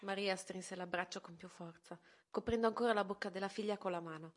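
Una donna che legge ad alta voce un romanzo, con una narrazione calma e misurata. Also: female voice, mid-range voice, brisk. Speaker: volunteer reader. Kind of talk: reading a novel aloud.

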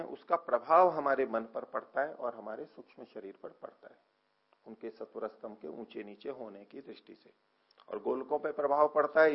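Male teacher, gravelly husky voice, lecturing on scripture; poses and answers his own questions, lets phrase ends fade, dull lo-fi recording. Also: medium pitch. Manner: explains slowly, asks and answers own questions; trails off softly at phrase ends. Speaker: teacher of philosophy.

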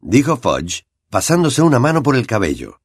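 A man narrating an audiobook in an expressive storytelling manner. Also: mid-range voice, normal speed, slightly rough, no room sound, clean studio sound. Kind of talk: scripted narration.

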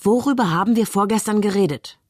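Lady doing an angry judge, hissing and stern, higher pitch, dry close sound. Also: quick pace, a little mellow, husky, no echo, lightly acted. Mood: furious. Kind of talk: literary reading.

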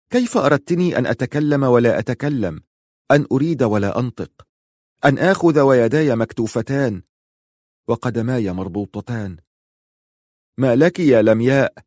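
Man reading a story out loud, grave and mournful, dry close sound. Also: mid-range voice, dry recording. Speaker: narrator. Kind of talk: dramatic audiobook reading.

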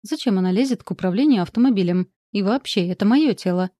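A woman's voice: medium pitch, quick pace, warm tone, no room sound, lightly acted. A woman voicing an irritable young heroine who speaks indignantly and exclaims.

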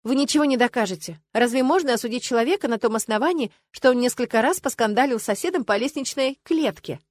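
A woman's voice: a little high, fast, pitched above the performer's own voice, lightly acted. A woman voicing a skeptical young woman in a read-aloud novel, doubtful and challenging.

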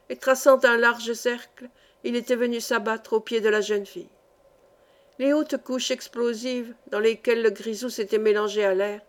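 A woman narrating a literary audiobook in a measured, expressive way, lifting her voice for cries in the story. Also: a little high. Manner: measured, expressive reading that rises for shouted lines. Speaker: audiobook reader.

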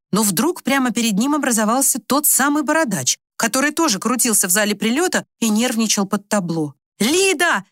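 A woman reads an audiobook aloud with measured, expressive storytelling. Her voice sits in the mid range, and the recording is dry and clean, with studio quality.

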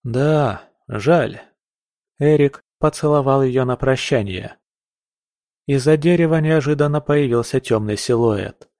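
A man narrating an audiobook in a calm, even reading voice. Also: medium pitch, moderate pace, no room sound, clean studio sound. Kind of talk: scripted narration.

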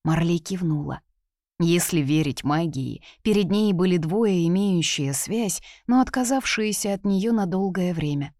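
A woman narrates a fantasy novel in an expressive, storytelling manner. Her voice sits low for a woman. The recording is dry and close, without room echo. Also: measured pace. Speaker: audiobook narrator. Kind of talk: scripted narration.

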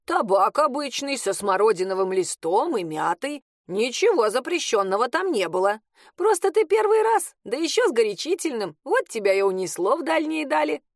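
A woman reading aloud, voicing a brash old village witch who teases, cackles and shouts. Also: fairly high pitch, big pitch swings, normal speed, no echo, clean studio sound, voice pushed up. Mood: boisterous teasing. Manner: boisterous, teasing, laughing.

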